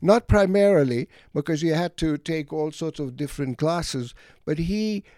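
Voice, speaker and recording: An elderly economics academic in his late 70s or older, born of Greek parents and from Egypt and Greece, reflects on his life as an interview guest. His warm, somewhat high voice moves haltingly and deliberately with many pauses, captured in studio quality with no echo.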